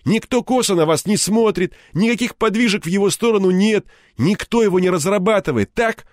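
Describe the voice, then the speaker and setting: Guy putting on a raised, yelling thug voice, crude and furious, dry close sound. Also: sits high, fairly quick, dry recording, pitched above the performer's own voice, natural voice. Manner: shouting, snarling, crude slang. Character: furious cornered male ex-cop turned gangster. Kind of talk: audiobook character voice.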